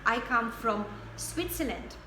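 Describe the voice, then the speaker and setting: A woman with a German accent teaches beginners, speaking very slowly with a fairly high, animated voice. She repeats each word for her students. The room is echoey, with a faint hum behind her. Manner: repeats words slowly and deliberately for learners. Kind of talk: slow, clearly spoken language lesson.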